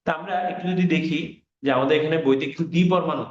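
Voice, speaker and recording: A man's voice: on the high side, fairly even intonation, quick pace. Guy teaching a class over a video call, keeps repeating words and quizzing students, echoey muffled audio. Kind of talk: online class lesson. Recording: roomy, dull online class audio.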